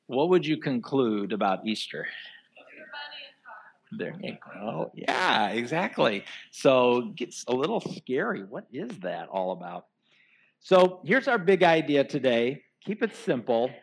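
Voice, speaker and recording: Earnest man preaching. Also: medium pitch. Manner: earnest, poses rhetorical questions to the congregation. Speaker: pastor. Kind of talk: sermon. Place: church before a live congregation.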